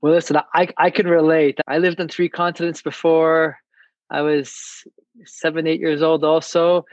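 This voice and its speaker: Podcast host: man in his late 30s from Canada, relaxed and agreeable, a bit high voice, dry close sound. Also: moderate pace, no room sound, muffled recording. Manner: relaxed, agreeable, lots of mm-hmms. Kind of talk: casual interview chat.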